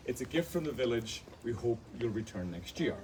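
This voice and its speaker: A man's voice: mid-range voice, animated, a little fast, noisy background, close to an everyday voice. A Scottish man with a Hebridean accent voicing an older island fisherman, a generous, easygoing father. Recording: distant mic, live audience.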